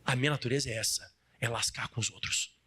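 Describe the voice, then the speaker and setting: A preacher voicing a sly fable scorpion. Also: male voice, mid-range voice, steady tone, fast talker, sharp tone, slightly rough, pitched below the performer's own voice. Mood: blunt.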